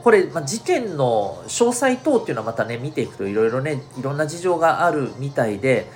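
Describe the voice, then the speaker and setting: A man hosting a monologue podcast for students, speaking in very polite, formal, presenter-like phrasing. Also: mid-range voice. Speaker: podcast host and educator addressing students.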